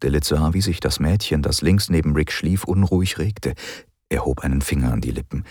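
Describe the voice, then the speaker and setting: A man reading an audiobook as narrator, in calm, measured storytelling. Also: very deep voice, no room sound, studio quality. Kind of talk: scripted narration.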